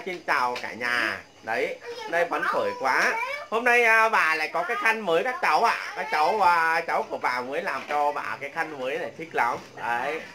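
An older woman hosting a casual livestream vlog, chatting and greeting viewers by name. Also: low voice. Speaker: vlog host.

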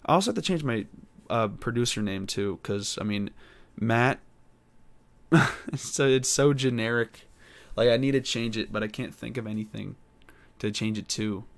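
A young man hosting his own podcast alone, talking in a rambling, hesitant way with many pauses and fillers. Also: mid-range voice, vocal fry. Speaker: podcast host. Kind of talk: casual solo podcast monologue.

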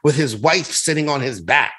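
A man co-hosting a podcast in casual chat, animated, jokey and quick to laugh. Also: mid-range voice, breathy edge. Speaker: podcast co-host.

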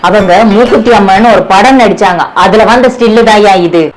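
A woman acting in a comedy skit, first gullible and then scolding, with lively delivery. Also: medium pitch, a little fast, poor audio. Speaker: comedy sketch actress. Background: music.

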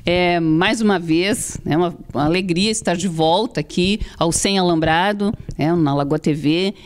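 A middle-aged woman with a southern Brazilian gaúcho accent, talking as a guest in an interview. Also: medium pitch. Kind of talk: conversational interview talk. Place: small indoor TV studio. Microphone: handheld microphone.

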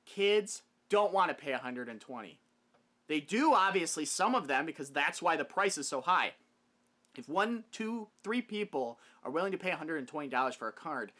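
A young adult man with a somewhat high, bright voice speaks forcefully to camera from a small wood-paneled room at home. As a video host, he shares his opinions in a casual but emphatic way.

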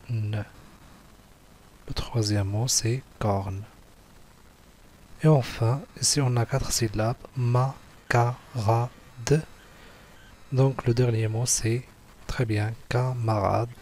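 Brief: patient male schoolteacher, unhurried, correcting a workbook page for small children. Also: medium pitch, warm tone, slight background noise. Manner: patient, spells letters and syllables one by one. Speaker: teacher. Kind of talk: slow classroom exercise walkthrough.

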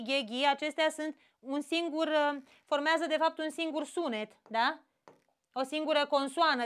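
High-voiced woman teaching grammar. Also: fairly bright tone. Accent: Romanian. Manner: explanatory, checks in with frequent "da?". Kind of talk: exam-prep grammar lesson.

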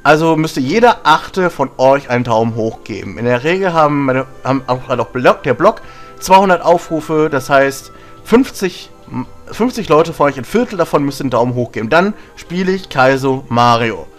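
A man hosting a casual gaming video blog, slightly hoarse from a sore throat, talking in an informal, blunt, rambling way. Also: medium pitch, animated, normal speed, soft background music. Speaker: gaming channel host.

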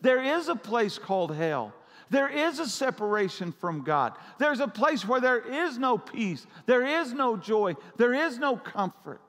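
A man's voice: extremely high pitch, very animated, a little slow, a bit bright. A man preaching a sermon as pastor, urgent and repetitive, pressing his listeners. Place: church sanctuary. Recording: long church hall reverb.

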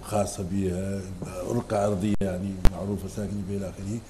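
A man's voice: sits low, flat delivery, rapid-fire, background noise. A man from Mauritania, lecturing bluntly as a guest on a TV panel debate.

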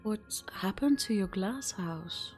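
A woman reads game text aloud and adds her own expressive commentary as a streamer. She takes her time, at a medium pitch, with soft music underneath. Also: slow pace. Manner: expressive, reacts out loud.

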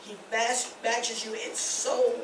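An older woman pastor preaching a testimony sermon, rising to shouts and laughing. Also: fairly high pitch, flat delivery, takes it slowly, noisy background. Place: church. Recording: echoey church from far off.

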